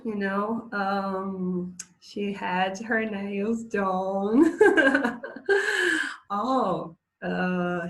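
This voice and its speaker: A woman teaching an English lesson in a casual, hesitant way, filling pauses and laughing now and then while she describes pictures. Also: mid-range voice. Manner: slow, hesitant, many fillers, laughs often.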